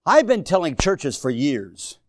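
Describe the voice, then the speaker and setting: A man's voice: a little high, very animated, a little slow, slight background noise. A man in his sixties preaching a sermon to a congregation, emphatic and exhorting, repeating phrases for effect. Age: 60s. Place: church before a congregation.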